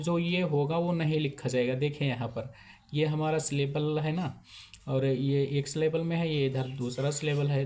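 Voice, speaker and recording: A man's voice: fairly high pitch, a little mellow, a little hiss or hum. A man teaching how to write names, explaining patiently and repeating each step. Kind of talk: explaining spelling at a whiteboard.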